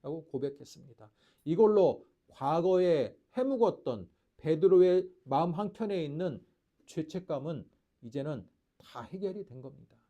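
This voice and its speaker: A man preaching a sermon as pastor, asking the congregation rhetorical questions and shifting between loud declarations and hushed lines. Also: fairly high pitch, expressive, normal speed, dull audio.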